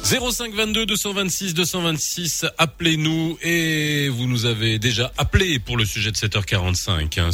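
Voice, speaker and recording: A man hosting a radio morning show, announcing segments briskly and upbeat. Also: on the low side, sharp tone.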